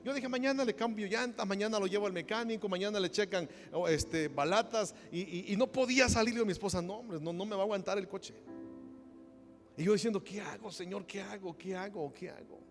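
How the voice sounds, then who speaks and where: High-voiced Mexican pastor preaching passionately. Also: male voice, brisk, faint music behind. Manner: builds from quiet personal story to loud impassioned preaching. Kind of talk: sermon.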